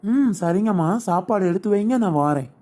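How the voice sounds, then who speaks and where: A woman voicing a gentle, lovesick young man musing to himself in a cartoon. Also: mid-range voice, animated, moderate pace, close to an everyday voice. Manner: soft, brooding inner monologue. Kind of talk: cartoon comedy voice acting.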